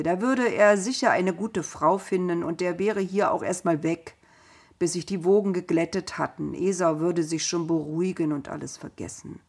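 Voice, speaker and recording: A woman tells a story in the first person, slowly and without hurry. Her voice is husky and soft-edged, and her delivery stays calm and measured. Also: lowish voice.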